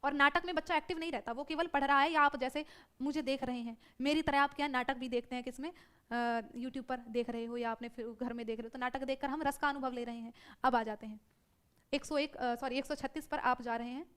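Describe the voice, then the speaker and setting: A woman teaching a live online exam-prep class, brisk and self-correcting, who keeps checking in with her students. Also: high voice, steady tone, fairly bright tone, smooth.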